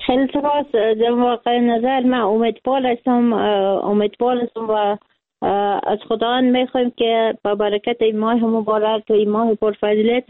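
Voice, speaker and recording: A woman's voice: fairly high pitch, little pitch movement, no room sound. Formal, hesitant woman on a phone line. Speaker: radio show guest. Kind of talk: polite closing remarks.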